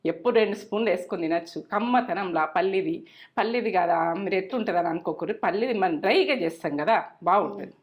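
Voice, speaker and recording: Fast-talking middle-aged woman. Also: medium pitch. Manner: chatty, repeats herself, gives homely advice. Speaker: cooking channel host. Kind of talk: casual cooking chat with advice.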